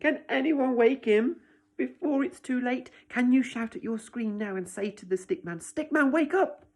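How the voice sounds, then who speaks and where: With a fairly high, slightly mellow voice at normal speed, a woman reads a picture book expressively, teacher-style. She gives the story a dramatic delivery and addresses young listeners directly along the way.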